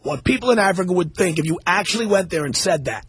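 A man's voice: sits high, lively intonation, quick pace, a bit bright, husky, no echo, clean studio sound. A man hosting a call-in radio show, mocking and arguing with a caller and cutting in constantly. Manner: mocking, argumentative, interrupts constantly. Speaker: radio talk show host. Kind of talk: combative call-in radio talk.

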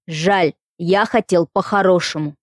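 A woman reading an audiobook, voicing a menacing undead male shapeshifter in a low, hollow voice that sounds like it comes through a tube. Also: measured pace, no echo, clean studio sound, natural voice. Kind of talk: audiobook character voice.

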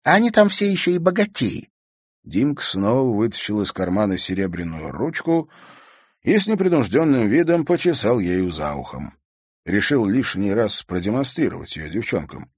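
A man narrating an audiobook with expressive storytelling. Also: lowish voice, moderate pace, husky, no room sound, clean studio sound. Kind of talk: scripted narration.

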